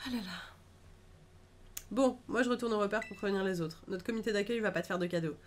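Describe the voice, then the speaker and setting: A woman's voice: medium pitch, fast talker, slight background noise, natural voice. A woman voicing a cocky young female gang grunt in a game, with a bratty, mocking put-on accent. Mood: smug.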